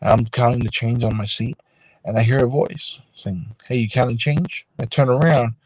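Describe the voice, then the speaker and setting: A man telling a personal story on a live stream in a rambling, unhurried way, full of fillers and restarts. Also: medium pitch, darkish tone, breathy edge, no room sound, low-quality recording.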